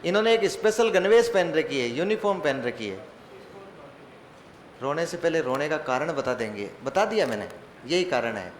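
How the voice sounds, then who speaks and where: Male teacher, slightly high voice, quizzing himself aloud, joking asides, roomy echo. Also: big pitch swings, normal speed. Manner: joking, mock-dramatic asides; asks questions and answers them himself. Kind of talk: online exam-prep class. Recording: echoey room with faint ambient noise.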